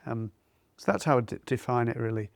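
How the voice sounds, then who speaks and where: A male mindfulness teacher in easygoing conversation. He gropes a little for words as he explains. His voice is average in pitch, and the sound is dry and close. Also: a little fast, gravelly, no room sound. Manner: thoughtful, searching for words. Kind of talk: conversational discussion.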